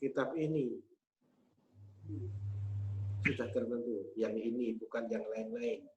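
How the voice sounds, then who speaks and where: A man, teaching Arabic grammar patiently and methodically, pausing often on hesitation sounds. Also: medium pitch, darkish tone. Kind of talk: explaining grammar in a class. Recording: slightly muffled with faint hum.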